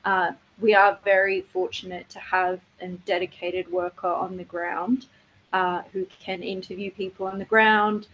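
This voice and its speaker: A woman speaking as a campaigner, giving an earnest, measured and informal presentation on an online call. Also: medium pitch, little pitch movement, a bit bright, muffled recording. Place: online video webinar. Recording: noticeable faint background noise, online call.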